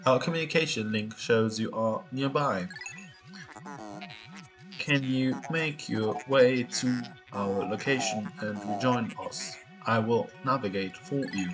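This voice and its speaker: A man's voice: mid-range voice, slow, natural voice, poor audio. A man reading as a stiff spaceship computer. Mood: formal. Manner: stiff, formal, instructive. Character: calm formal male spaceship computer. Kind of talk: reading game dialogue aloud. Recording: music playing behind.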